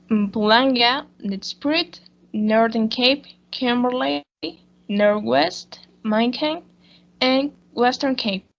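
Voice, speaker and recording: Slow-reading woman, gravelly lo-fi. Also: a little high. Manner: slow, careful reading with small restarts. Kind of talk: read-aloud school presentation.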